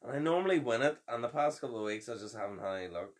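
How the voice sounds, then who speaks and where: A man's voice: mid-range voice, lively intonation, racing. A young man, co-hosting a podcast with teasing, sarcastic, sweary banter. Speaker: podcast co-host. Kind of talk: casual banter.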